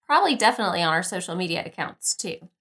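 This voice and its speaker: A woman hosting a devotional podcast, guiding meditation and reading scripture in a calm, unhurried, gently instructing way. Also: on the low side. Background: music behind the voice.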